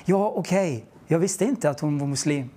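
A man's voice: on the high side, warm tone. A man preaching, telling a personal testimony in an earnest, storytelling way and acting out the dialogue. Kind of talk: testimony sermon.

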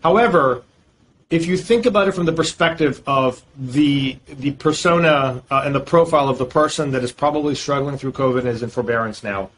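A man from Boston, a real estate lawyer, is a guest on a podcast interview. His voice sits at medium pitch with a slightly bright quality, and he talks a little fast. He explains things fluently in long runs packed with fillers, with slight noise in the background.

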